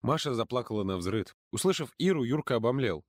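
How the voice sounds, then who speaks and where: A man narrating an audiobook in an expressive, dramatic reading style. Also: fairly quick, dry recording, studio quality. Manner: dramatic, with wide swings of pitch.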